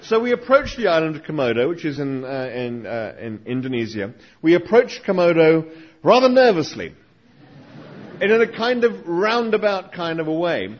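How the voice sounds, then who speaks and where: A man with a fairly high voice tells a humorous story to a live audience, slipping in wry, dry asides. The recording sounds dull and lo-fi. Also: sing-song, normal speed. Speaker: speaker reading to a live audience.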